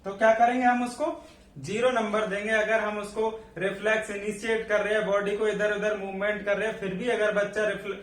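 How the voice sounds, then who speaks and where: A man's voice: sits high, little pitch movement, a little fast, a bit bright. A man teaching a nursing class as a lecture, asking questions and then answering them himself. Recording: echoey room, voice from a distance.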